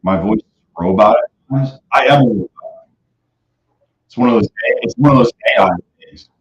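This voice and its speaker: A man's voice: lowish voice, normal speed, husky, lo-fi sound. A man casually chatting on a live stream about trading, his voice coming through glitchy and robotic-sounding. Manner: loose, rambling, joking. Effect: glitchy robotic-sounding stream audio. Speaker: livestream trading host.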